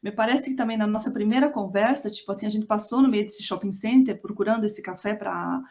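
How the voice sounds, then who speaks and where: A woman's voice: mid-range voice, fairly quick, a little mellow. A Brazilian woman telling her own life story in a rambling way, with many tag questions and restarts. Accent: Brazilian Portuguese. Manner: rambling, frequent "né?" tags and restarts. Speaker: storyteller recounting her past. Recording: slightly muffled lo-fi recording.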